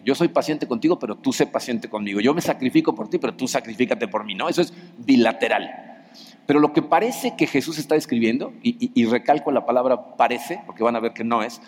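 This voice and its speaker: A man's voice: medium pitch, darkish tone. A man preaching a sermon in a church hall, in a conversational style with frequent rhetorical questions. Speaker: pastor.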